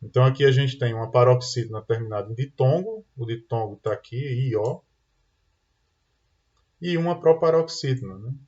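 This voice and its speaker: A man's voice: medium pitch, animated, normal speed, darkish tone. Brazilian man explaining a grammar lesson. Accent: Brazilian Portuguese. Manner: explanatory, tag questions "tá?" and "né?". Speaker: teacher. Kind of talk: online exam-prep lesson. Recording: dull lo-fi sound.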